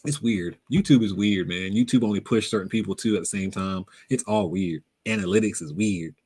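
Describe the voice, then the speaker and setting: A young man hosting a casual live Q&A, reading viewer comments aloud and answering them in a relaxed, slangy way, laughing often. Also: deep voice, brisk, breathy edge. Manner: relaxed, conversational, drops words into everyday slang. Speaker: livestream host reading chat.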